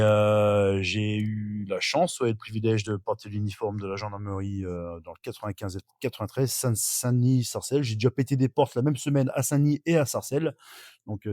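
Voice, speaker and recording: A middle-aged man from northern France, appearing as an interview guest on a podcast, casually recounts his life story with lots of fillers and restarts. His lowish voice has a dark tone, recorded clean in a studio with no echo.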